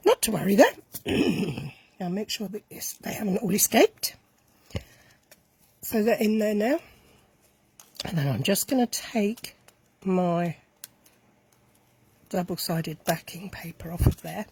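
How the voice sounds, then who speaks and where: A woman, a bit croaky today, chatting her way through a hands-on craft demonstration and correcting herself as she works. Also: medium pitch, animated, slow pace, pauses often, a little mellow. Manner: chatty, self-correcting, talks while working with hands. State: slightly croaky voice. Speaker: craft tutorial host. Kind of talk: casual step-by-step craft demonstration.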